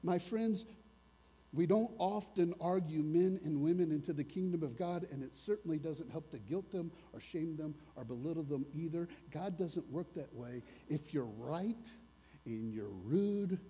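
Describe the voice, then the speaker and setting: A man's voice: on the high side, animated, normal speed, mellow, in a large hall, slight background noise. A man preaching a sermon as a pastor, earnest and conversational, asking his listeners questions as he goes.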